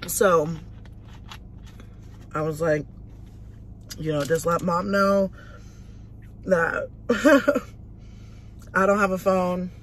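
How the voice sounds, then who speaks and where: Eating inside a parked car, a woman vlogger chats through a casual story loaded with swearing and "like." She speaks in a lowish voice, very slowly and with frequent pauses, over slight background noise.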